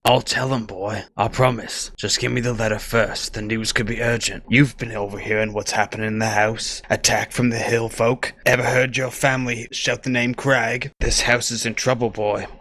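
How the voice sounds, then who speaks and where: A man playing a gruff middle-aged huntsman who bluntly pressures a boy. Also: medium pitch, level tone, normal speed, hardly any pauses, fairly bright tone, close to an everyday voice. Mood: pushy, urgent. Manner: blunt, pushy, calls the boy "boy".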